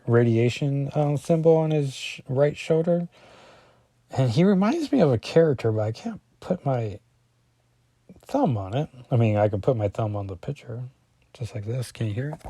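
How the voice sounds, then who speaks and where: A man's voice: mid-range voice, dark tone, dry recording. A man casually reviewing a comic book, rambling with jokey asides.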